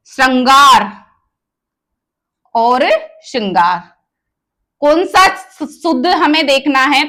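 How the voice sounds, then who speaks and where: Slow, high-voiced woman teaching Hindi grammar. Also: pushed and bright. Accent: Rajasthani Hindi. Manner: asks the class questions and answers them herself; spells out words slowly, option by option. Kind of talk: exam-prep lesson.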